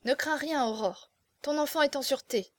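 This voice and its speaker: A woman's voice: sits high, normal speed, no room sound, lightly acted. A woman reading the lines of a bold young swordsman in an audiobook, terse and restrained. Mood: hushed urgent. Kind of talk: audiobook character voice.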